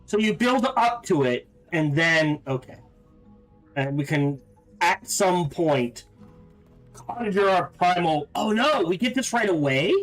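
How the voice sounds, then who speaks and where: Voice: medium pitch, animated, slow pace, faint music behind, poor audio. A game streamer giving casual gameplay commentary, thinking aloud.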